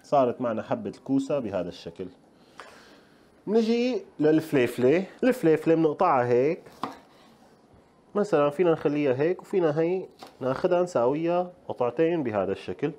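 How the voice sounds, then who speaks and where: Fast-talking Levantine chef. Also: male voice, a little high, sing-song, dark tone, slight background noise. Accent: Levantine Arabic. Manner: chatty, speaks straight to viewers, playful asides. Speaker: chef and show host. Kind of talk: casual cooking tutorial.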